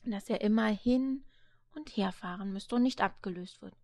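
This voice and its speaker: A woman voicing a kindly old grandmother in a read-aloud fairy tale, speaking slowly and softly, sometimes in a whisper. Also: mid-range voice, creaky, close to an everyday voice. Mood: soothing. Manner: hushed, slow and soothing, at times whispered. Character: soft-spoken old grandmother, kindly and soothing.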